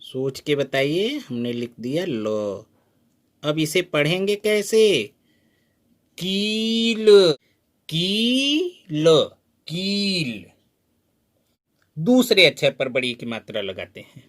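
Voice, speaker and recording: A man teaching a spoken lesson, sounding out syllables slowly and drawing them out, asking the learner questions as he goes. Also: medium pitch, big pitch swings, fairly bright tone. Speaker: Hindi teacher. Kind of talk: slow spoken lesson at a board.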